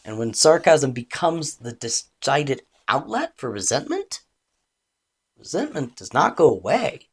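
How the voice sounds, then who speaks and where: A woman relationship coach giving a calm, deliberate educational talk, explaining with expressive emphasis. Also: rumbling low, husky.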